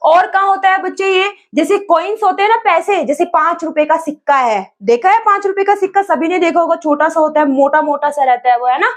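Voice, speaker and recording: A woman's voice: very high voice, a little fast, few pauses. A woman with an Indian accent teaching an exam-prep lesson, calling her students children, asking them questions and answering them herself, and mixing English terms into her speech.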